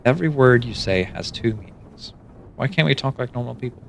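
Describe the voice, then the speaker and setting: A man voicing a gloomy, sardonic dead man who mutters low and grumbles at his visitor. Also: animated, a little fast, vocal fry, slight background noise.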